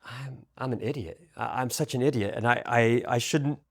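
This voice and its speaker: A man's voice: medium pitch, steady tone, normal speed, a bit bright, no echo, natural voice. Sex: male. Figure: proud warrior hero, grieving and vengeful, put on by a teacher. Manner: broken, stammering. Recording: dry.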